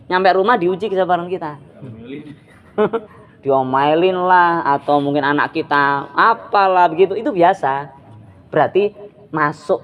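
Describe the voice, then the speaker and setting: A man's voice: sits high, a bit bright. A man giving a casual sermon at a neighborhood gathering, chatting with listeners and laughing often. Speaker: preacher. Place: community gathering room.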